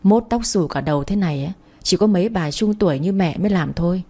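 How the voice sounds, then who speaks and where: A woman's voice: lowish voice, a little fast, dark tone, slightly rough. A woman voicing an insistent, scolding middle-aged mother in a storybook reading. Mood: nagging.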